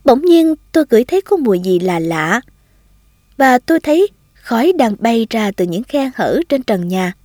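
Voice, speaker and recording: A woman narrating a first-person story in a calm, expressive reading. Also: a little high, normal speed, no echo, clean studio sound.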